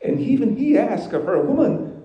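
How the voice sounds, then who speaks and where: A man preaching a sermon, slow and emphatic, with dramatic pauses. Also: sits high, lively intonation, dull audio. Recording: very echoey hall.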